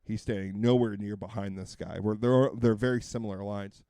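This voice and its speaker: A man's voice: on the low side, fairly even intonation, moderate pace, dark tone, no echo. A man co-hosting a podcast, telling a long casual story with lots of fillers and restarts. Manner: rambling, full of fillers and restarts. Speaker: podcast co-host.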